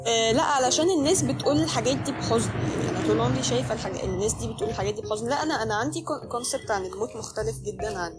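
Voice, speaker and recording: Rapid, playful Egyptian woman. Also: a little high. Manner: playful, laughs easily, animated storytelling. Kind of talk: casual chat. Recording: music playing under the voice. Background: music.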